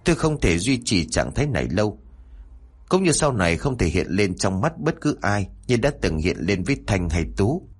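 A sorrowful young woman's ghost speaks here, voiced by a man reading a horror story. Her pleading sounds low and husky, and it rises and falls a lot. She is tender, with the hatred gone out of her. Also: sing-song, moderate pace. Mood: weary.

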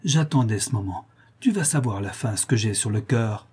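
A man's voice: fairly low pitch, animated, brisk, dark tone, husky. A man voicing a grim, menacing old mother. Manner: menacing, cold. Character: grim, hard older mother of bandits. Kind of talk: audiobook character reading.

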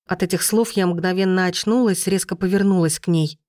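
A woman's voice: lowish voice, brisk, a little mellow, no echo, studio quality. A woman narrating a first-person fantasy audiobook in an urgent, emotional way.

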